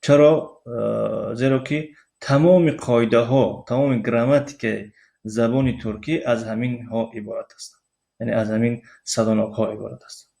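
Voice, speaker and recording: Spelling letters out one at a time, a man with a Tajik accent delivers a recorded language lesson slowly, with frequent pauses and fillers. His medium-pitched voice is steady, gravelly, and dark.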